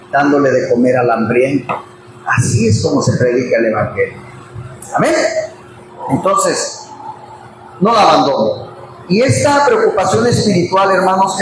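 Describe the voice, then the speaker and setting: A man with a high voice delivers a sermon, firing questions at the congregation and chuckling between points. The recording sounds like a big echoey church hall. Steady background noise sits under his voice. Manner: animated, questions the congregation and laughs often. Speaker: pastor. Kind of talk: expository sermon at a Bible study.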